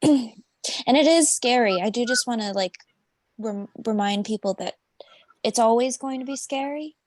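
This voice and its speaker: A woman's voice: on the high side, measured pace, darkish tone, no echo. A woman speaking at a community meeting in an earnest, reassuring way. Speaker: meeting participant. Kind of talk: casual meeting talk.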